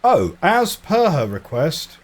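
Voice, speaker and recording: A man's voice: a little high, wildly swooping pitch, slow. A man giving casual video game commentary, wryly musing aloud to himself as he plays. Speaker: gamer.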